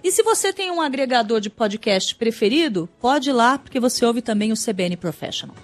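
A woman's voice: a little high, animated, fairly quick, soft background music. A woman co-hosting a radio news show, plugging the podcast. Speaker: radio co-host. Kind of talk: radio chat.

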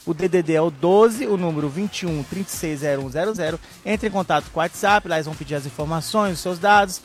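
A Brazilian man pitching supermarket offers live on radio like a market barker, reeling off products and prices. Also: fast, faint music behind. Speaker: supermarket spokesman reading out offers.

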